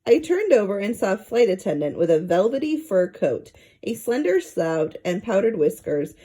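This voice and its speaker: Reading a children's story aloud, this woman narrates expressively. Her pitch sits in the middle range and she speaks at a normal speed.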